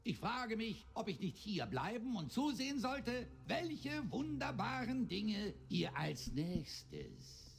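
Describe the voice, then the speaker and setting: An actor playing a whimsical, gleefully cruel mad god in a video game, theatrical and erratic. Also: male voice, sits high, wildly swooping pitch, slow, gravelly, hardly any pauses, heavily acted. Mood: theatrical, playful menace. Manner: theatrical, erratic, wildly swooping delivery. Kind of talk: video game character acting.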